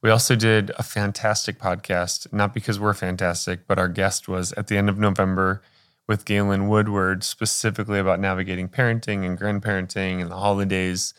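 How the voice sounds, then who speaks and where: A man's voice: deep voice, flat delivery, a little fast, a bit bright, clean tone. A man co-hosting a church podcast, joking and talking through his thoughts in a casual chat. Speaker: podcast co-host and pastor.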